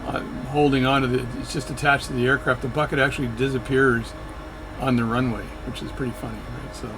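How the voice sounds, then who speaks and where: Music plays beneath a flight sim creator's brisk, level, medium-pitched narration, and the audio quality is poor. He chats casually about his session, rambling and often fixing what he's said mid-sentence.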